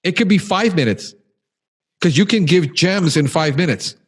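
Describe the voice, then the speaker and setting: A man's voice: on the high side, lively intonation, normal speed, husky. A man who hosts a podcast, talking casually in an emphatic, encouraging, talkative way. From Cuban background. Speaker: podcast host.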